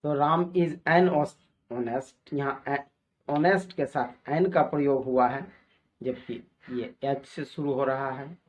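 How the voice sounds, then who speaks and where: A man teaching English grammar, explaining slowly and deliberately and spelling out example sentences. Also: mid-range voice. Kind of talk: explanatory lesson in Hindi. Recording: dull lo-fi recording.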